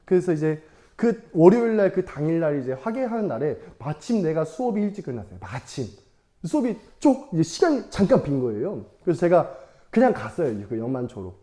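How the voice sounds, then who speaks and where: Young man, casual sermon, lively rising and falling voice, mellow tone, playful and chatty. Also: on the high side, a little fast. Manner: chatty, playful, laughs often; asks the audience questions. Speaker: evangelist preaching to children.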